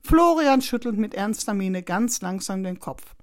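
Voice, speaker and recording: Female narrator for a kids' story, lively and expressive. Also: mid-range voice, a little slow. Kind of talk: children's story reading.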